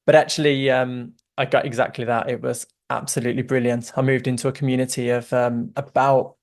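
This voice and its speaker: Guest, English man, faintly Brummie, thirties, earnest and chatty, fairly even pitch. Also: fairly quick. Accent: English, slightly Brummie. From England. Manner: earnest, chatty storytelling with light laughs. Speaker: guest, software co-founder. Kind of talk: casual interview chat.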